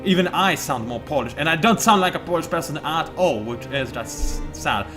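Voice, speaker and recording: Over music, a let's play host speaks in a fairly high, expressive voice at normal speed. He jokes his way through a strategy game, musing aloud and teasing himself in a chatty way.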